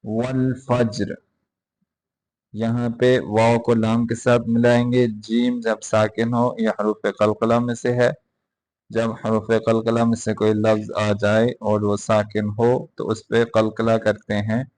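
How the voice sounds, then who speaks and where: Male quran teacher, reciting super slow and steady, flat even tone, stops to correct pronunciation. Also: on the low side. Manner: drawn-out recitation broken by brisk corrections. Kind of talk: Quran recitation with tajweed lesson.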